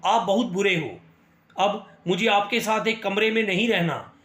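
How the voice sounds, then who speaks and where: A man's voice: sits high, measured pace, a bit bright, reverberant. Man reading as a pleading young bride. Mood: tearful.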